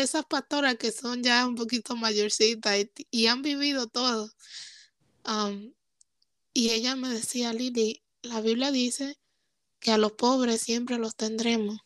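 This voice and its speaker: Emotional young woman, high dry voice. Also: steady tone, measured pace, a bit bright, no echo. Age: young adult. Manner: emotional, candid, switches into English phrases. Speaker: podcast guest. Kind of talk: casual conversation.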